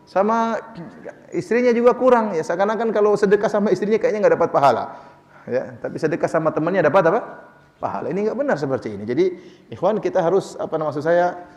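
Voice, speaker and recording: A quick-talking man preaching in a sermon Q&A, his slightly raised voice ringing in a long reverberant hall. He moves briskly, acting out little bits of dialogue. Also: high voice. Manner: lively, acts out quoted dialogue, chuckles. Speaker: preacher answering questions.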